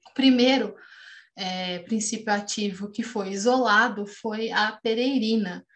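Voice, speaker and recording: A woman in her thirties with a Brazilian Portuguese accent, a postdoctoral researcher, gives an academic lecture over a video call from a room at home. Her voice is medium-pitched and fairly bright, her pace measured, though she hesitates a lot, restarting sentences and using fillers. The sound comes through her webcam microphone.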